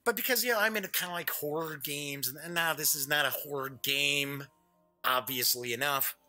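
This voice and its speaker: The host of a tabletop game review show gives chatty, jokey, off-the-cuff unboxing commentary, often muttering asides to himself. His voice is a little high, bright and forceful at a moderate pace, with faint music in the background.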